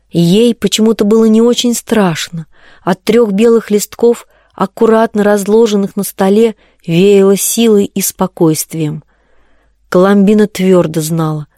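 This is an unhurried audiobook reading of literary prose, with an even delivery that eases down further whenever verse comes up. The voice sits at a middling pitch. It is recorded dry and close, with no reverb at all. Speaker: audiobook narrator.

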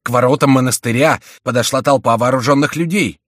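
A man's voice: medium pitch, a little fast, no echo, clean studio sound, voice pushed up, natural voice. A man voicing a stout, bold nobleman who speaks breathlessly and with resolve. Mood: urgent.

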